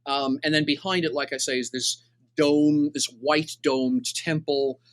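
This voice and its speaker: A man's voice: a little high, steady tone, no room sound. Man narrating scenery as game master. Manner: unhurried, searching descriptions with many fillers.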